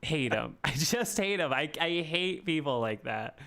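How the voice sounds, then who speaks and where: A man co-hosting a casual sports talk stream, ranting with animated energy and swearing freely. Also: on the high side, measured pace. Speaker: podcast co-host.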